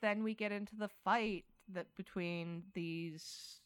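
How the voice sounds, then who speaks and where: A woman's voice: medium pitch, steady tone, slow, clear, resonant tone, no room sound. A woman co-hosting a casual podcast chat about a TV episode, chatty and laughing often. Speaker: podcast co-host.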